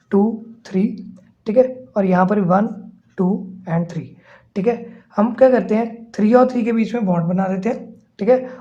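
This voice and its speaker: A man's voice: high voice, dark tone. A male chemistry teacher giving a classroom lecture, explaining step by step and often checking that listeners are following. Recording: slightly muffled lo-fi recording.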